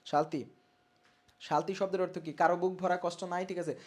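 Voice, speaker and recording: Tutor, repeats every answer again and again, mid pitch, drops in english words. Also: steady tone, a little fast. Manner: quizzes viewers and reads out their names from comments; mixes English words into speech. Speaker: online exam-prep teacher. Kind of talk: live online revision class.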